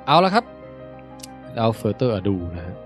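A man hosting a live show, giving a formal, drawn-out stage introduction. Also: fairly low pitch, sing-song. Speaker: host. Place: university auditorium. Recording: echoey hall, distant mic, music.

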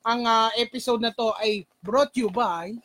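A man's voice: very high-pitched, normal speed, a bit bright. A man co-hosting a casual podcast chat, reading out viewer comments and joking along. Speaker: podcast co-host.

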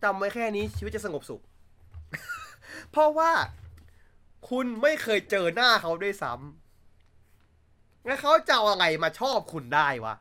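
A man's voice: sits high, very animated, normal speed, pushed and bright. A man chatting casually on a livestream, blunt and crude, joking, with many filler sounds. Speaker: streamer.

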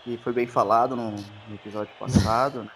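A man's voice: fairly low pitch, fairly even intonation, brisk, crowd noise. A man with a Brazilian accent, a guest on a casual podcast, telling a story in a rambling way and tripping over his words. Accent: Brazilian Portuguese.

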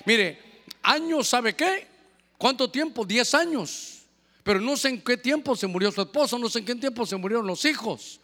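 A man's voice: very high voice, lively intonation, normal speed, bright, forceful tone, big-room sound. A male pastor preaching a sermon, swinging between fervent exclamations and chatty asides to the congregation.

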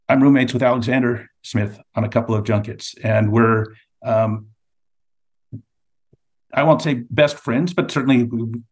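Male guest, magazine editor, mid-pitched, tells anecdotes at length. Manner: anecdotal storyteller. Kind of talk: casual interview.

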